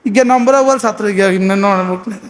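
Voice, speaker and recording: A man preaching a sermon, firing repeated questions at his listeners and reciting Arabic prayers slowly. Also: high voice. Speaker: Islamic preacher.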